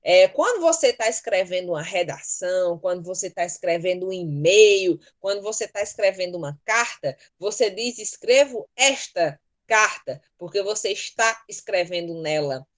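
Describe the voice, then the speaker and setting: A woman's voice: on the low side, lively intonation, normal speed, hardly any pauses. Patient Brazilian woman teaching an online class. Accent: Brazilian Portuguese. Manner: patient, explaining step by step. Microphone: computer mic in a virtual class.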